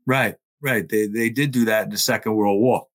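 A man hosting a podcast, reading a letter aloud slowly and then asking his co-hosts questions. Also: lowish voice, steady tone, fairly bright tone. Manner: reads quotes aloud slowly, then asks the group questions. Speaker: podcast host. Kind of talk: casual podcast discussion.

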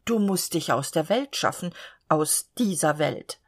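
A woman's voice: low-pitched, a little slow, breathy edge, heavily acted. A woman voicing a sly, self-assured male cab horse in a spoken storybook. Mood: smug. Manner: calm, self-assured, scheming.

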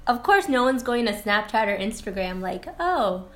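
A young woman co-hosting a casual podcast, relaxed and chatty, laughing often. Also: mid-range voice, normal speed. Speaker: podcast co-host. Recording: faint background noise.

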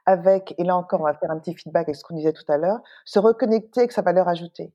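A middle-aged woman, a guest entrepreneur, telling an anecdote in a lively, animated way with plenty of fillers. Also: lowish voice, racing, dull audio. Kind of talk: casual storytelling in an interview.

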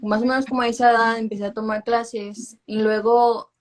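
A woman's voice: on the high side, little pitch movement, a little fast. A woman in her twenties, a singer talking casually in an interview in Spanglish, dropping English filler words into her Spanish. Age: 20s. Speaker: urban music singer being interviewed.

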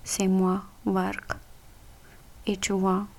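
A woman from Pakistan whose first language is Punjabi, reading a personal essay aloud in measured, deliberate phrases, with a Pakistani accent. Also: medium pitch, completely flat delivery, a little mellow.

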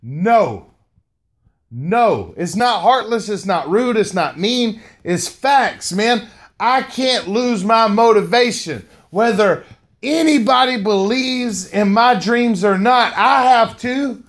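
Speaking slowly in a high, expressive voice with a fairly bright tone, a middle-aged man gives a motivational talk on his podcast. He leans on slang, repeats lines to drive points home, and often says "man" to the listener.

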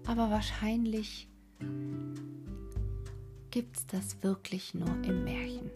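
A woman hosting a sleep podcast, reading a fairy tale aloud in a soft, soothing whisper. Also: mid-range voice, takes it slowly, music in the background. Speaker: sleep podcast host and narrator. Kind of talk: whispered bedtime story reading.

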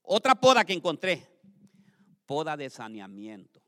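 A man preaching a sermon to his congregation, speaking to them directly, asking them to repeat after him and building to loud emphatic peaks. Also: fairly high pitch, huge pitch swings, measured pace. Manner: addresses congregation directly, calls for repetition. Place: church. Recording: long reverb of a hall.

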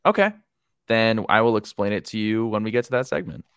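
A man's voice: fairly low pitch, animated, brisk, clean tone, dry recording. A man hosting a casual podcast, joking and steering the segments. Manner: joking, playful, runs the show segments. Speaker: podcast host.

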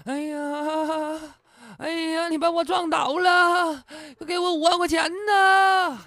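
A man's voice: very high-pitched, very animated, quick pace, pushed and bright, voice pushed up, full character voice. Man doing a shrieking old swindler granny. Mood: wailing. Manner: whiny, shrieking wails. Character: scheming old woman, a wailing con artist.

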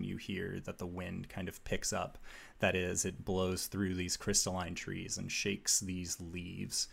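Slow, deep-voiced man narrating a game. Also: creaky. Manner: suspenseful, descriptive storytelling with long pauses. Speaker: game master. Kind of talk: narrating a tabletop fantasy game.

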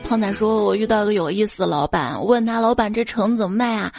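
A woman's voice: mid-range voice, fast talker, vocal fry, a little mellow, faint music behind. A woman radio show host reading out listener jokes, playful and acting out the quoted voices.

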